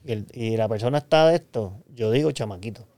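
Man, Puerto Rican accent, casual chat, relaxed manner, clear resonant voice, dry recording. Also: lowish voice, fast, no echo. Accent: Puerto Rican Spanish. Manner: relaxed storytelling, salty slang.

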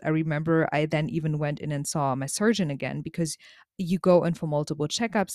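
Woman, slightly low voice, casual vlog monologue, emphatic and slangy, very dry close recording. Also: a little mellow, no room sound. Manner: informal and emphatic, with slangy exaggeration. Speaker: vlogger.

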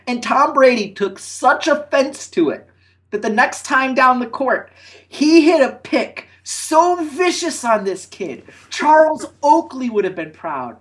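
A woman with a somewhat high voice co-hosts a casual esports podcast. She talks playfully, slips into a mock-preachy tone, and tells long, rambling stories. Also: very animated, takes it slowly.

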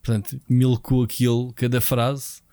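A man's voice: mid-range voice, flat delivery, a little slow, mellow, dry recording. A man with a European Portuguese accent co-hosting a podcast in an informal, slangy, conversational way. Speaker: podcast co-host. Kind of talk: casual chat.

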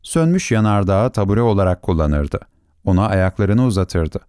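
A man reading a children's story aloud as audiobook narrator, gentle and measured. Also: low-pitched, expressive, clean tone, dry recording, clean studio sound.

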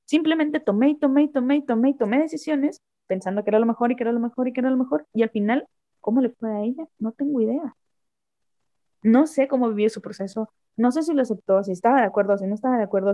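A woman's voice: a little high, mellow, dry recording, dull audio. A woman with a Mexican accent, a guest telling a personal story in a candid, reflective way and repeating phrases for emphasis. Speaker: interview guest.

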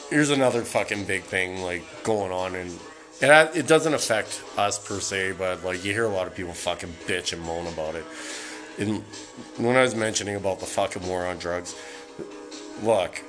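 A man's voice: low voice, rough recording. A man from Canada ranting on a solo podcast, swearing constantly in a heated, rambling way. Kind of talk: casual profane rant. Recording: music playing in the background. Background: music from a record player.

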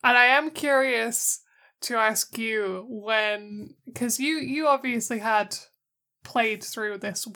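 Slow-talking woman co-hosting a podcast. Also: fairly high pitch, bright, forceful tone. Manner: quick laughs, short reactions. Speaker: podcast co-host. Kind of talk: casual podcast chat.

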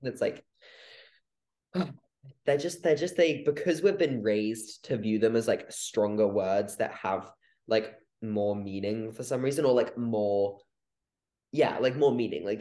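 A man's voice: on the low side, a little mellow. Young male podcast co-host, casual and playful, reverberant room. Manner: chatty, many fillers, playful. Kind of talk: casual debate chat.

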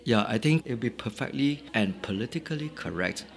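A man from Singapore with a Singaporean accent, talking in a relaxed conversation and pausing often to think. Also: medium pitch, vocal fry. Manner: thoughtful, pausing often with "uh" and "right?". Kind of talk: casual conversation.

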